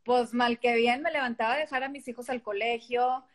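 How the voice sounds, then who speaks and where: A woman's voice: fairly high pitch, fairly even intonation, fairly quick. A middle-aged woman with a Mexican accent, a guest in a casual interview, talking animatedly and acting out quoted dialogue. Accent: Mexican Spanish.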